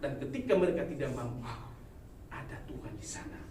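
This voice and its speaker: A woman preaches emphatically, rising to loud exhortation and dropping to quiet asides. Her voice comes from a distance and echoes heavily around a church hall. Faint noise sits underneath. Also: a bass voice, a little fast. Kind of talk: sermon.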